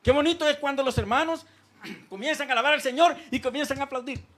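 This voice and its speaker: A male pastor preaching a sermon in a church on a handheld microphone, swinging from loud calls to quiet asides. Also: very high-pitched, fast.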